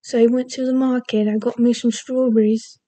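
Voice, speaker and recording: A woman putting on an exaggerated British accent, speaking higher and more primly than her own voice in a playful vlog bit. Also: little pitch movement, a little fast, dark tone, dry recording, lightly acted. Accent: British (put on).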